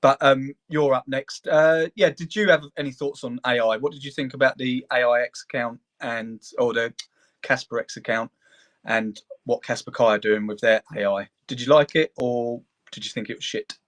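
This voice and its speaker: Male host for informal group chat, average pitch, halting and self-deprecating delivery. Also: steady tone, fairly bright tone. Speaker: host of a live audio chat. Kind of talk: casual chat. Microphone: phone.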